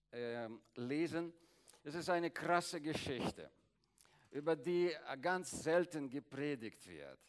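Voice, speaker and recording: A male pastor preaching a sermon, emphatic and often checking in with "okay?". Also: medium pitch. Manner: emphatic, repeats "okay?" to the congregation.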